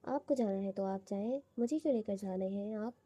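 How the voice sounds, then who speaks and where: A woman voicing a stubborn, sharp-tongued young wife who answers back with quick, defiant retorts. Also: medium pitch, dry recording, highs cut off, lightly acted.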